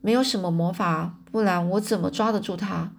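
A woman voicing a steady, protective teenage boy in an audiobook, calm and reassuring. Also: medium pitch, fairly quick, gravelly.

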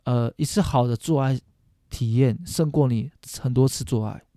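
A man's voice: mid-range voice, normal speed, dark tone, no echo, studio quality. A man in his thirties with a Taiwanese accent, chatting casually and bluntly in slangy speech, often repeating himself. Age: 30s. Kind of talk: casual, frank chat.

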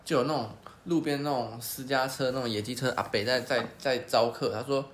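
A man's voice: medium pitch, brisk, reverberant. A man hosting a podcast, telling a story in casual chat and acting out the people in it. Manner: animated, acts out quoted people. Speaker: podcast host.

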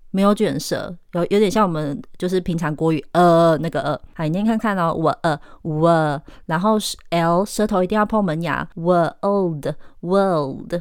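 Woman, Taiwanese Mandarin accent, English teacher, slightly low voice, dry close recording. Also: a little mellow, clear, resonant tone, no echo. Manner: slow, careful, repeats words for drilling. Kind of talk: podcast pronunciation lesson.

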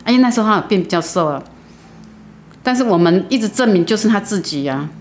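A middle-aged woman from Taiwan, a guest telling a personal story earnestly, with halting restarts. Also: medium pitch, lively intonation, a little hiss or hum.

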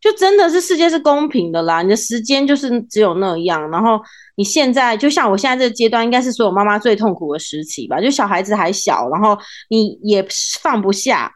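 A woman with a Taiwanese accent hosting a casual podcast chat in an expressive, playfully teasing way. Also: medium pitch, brisk. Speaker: podcast host, former radio presenter.

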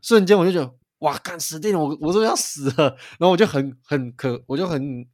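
A man, co-hosting a podcast and telling a story in an animated way, with frequent restarts. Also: on the high side, fast, dry recording, clean studio sound. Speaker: podcast co-host. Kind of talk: casual chat.

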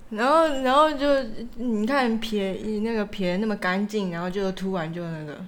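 A young woman, co-hosting a podcast and complaining in animated casual chat. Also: medium pitch, normal speed. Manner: animated complaining, frequent fillers. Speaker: podcast co-host.

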